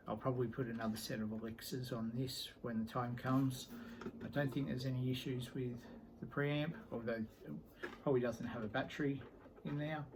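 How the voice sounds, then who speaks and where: A middle-aged man talks through his guitars in a relaxed, meandering way, often pausing on an um and letting sentences trail off. His voice sits in an ordinary middle pitch, and a faint hum of ambient noise lies under the recording. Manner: rambling and easygoing, with many ums and trailing sentences. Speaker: guitar collector showing his instruments. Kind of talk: casual show-and-tell vlog.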